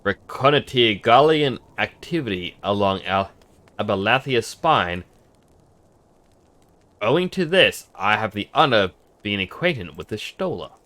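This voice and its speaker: A man voicing a courteous, formal knightly officer from a fantasy game, reading the dialogue aloud in a measured manner. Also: on the low side, animated, fairly bright tone. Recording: music behind the voice.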